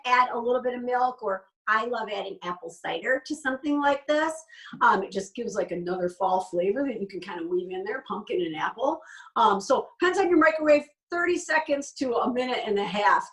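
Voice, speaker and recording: A woman's voice: on the high side, expressive, brisk, fairly bright tone, recorded from a distance, low-quality recording. A woman hosting a cooking class, chatting casually and explaining each step as she goes.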